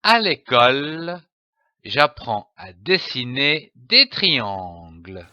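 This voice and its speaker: Slow, bright, over-articulated male reading teacher. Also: mid-range voice, big pitch swings, no echo. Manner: spells out letters, deliberate and over-articulated. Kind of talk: slow syllable-by-syllable reading lesson. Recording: dry, dull lo-fi sound.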